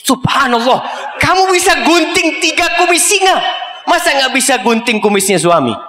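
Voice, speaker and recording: A man voicing a wise old sheikh who gives calm, knowing advice, heard in an echoey hall. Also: fairly high pitch, a little slow, heavy background noise. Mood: amused. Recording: long echoey hall reverb.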